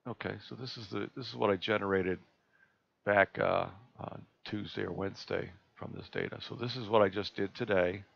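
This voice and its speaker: A man presenting a live screen-share tutorial on a video call, talking in a relaxed, halting way with many fillers and restarts. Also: lowish voice, vocal fry, no room sound. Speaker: astronomy club presenter. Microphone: computer mic on a video call. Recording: dull lo-fi video call audio.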